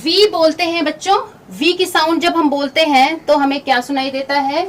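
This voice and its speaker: Woman phonics teacher, high voice, slow patient explaining, distant mic, faint hiss. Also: steady tone. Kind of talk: phonics lesson for children.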